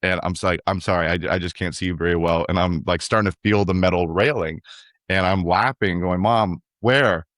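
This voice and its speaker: A young man co-hosting a podcast, telling a story in a relaxed, chatty way and acting out the other people's lines. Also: deep voice, a little fast, dry recording, studio quality. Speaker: podcast co-host. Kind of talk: casual conversational storytelling.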